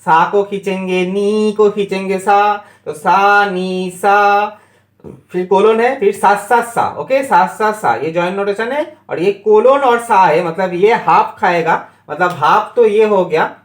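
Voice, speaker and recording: A man's voice: sits high, unhurried, reverberant. A man teaching a harmonica lesson, reading out note names one by one and often checking that the learner follows. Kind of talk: step-by-step music lesson.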